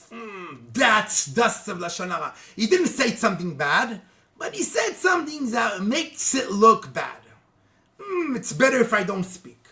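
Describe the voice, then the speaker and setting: A man giving a casual, animated religious lesson to viewers, often checking in with "okay?" and "guys". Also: high-pitched. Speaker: religious teacher.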